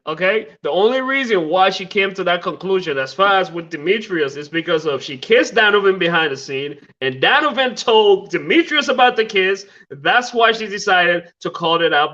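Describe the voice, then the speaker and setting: A man's voice: high voice, bright, forceful tone, muffled recording. Insistent, teasing man arguing his point. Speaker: podcast co-host. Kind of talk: casual debate chat.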